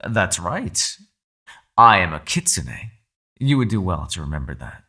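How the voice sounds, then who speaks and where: Voicing a captive fox spirit in an ASMR roleplay, a man speaks low and crisply bright, unhurried yet very animated, with an exaggerated character voice. He taunts slyly and mock-politely, his intonation swooping theatrically with quiet menace, and he sounds proud and cool.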